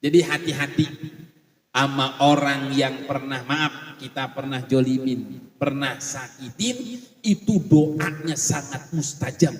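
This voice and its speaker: A man with a Betawi accent preaching a lively, joking sermon to a women's congregation, acting out gossiping neighbours. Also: medium pitch. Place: large echoey hall. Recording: echoey hall with long reverb.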